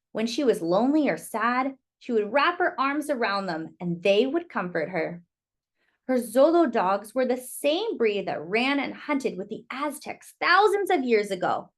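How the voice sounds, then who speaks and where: For an audience of young kids, a woman reads from a picture book in a fairly high-pitched, highly animated voice. Her storytelling is expressive, and she pauses to exclaim and chat with the children about the artwork.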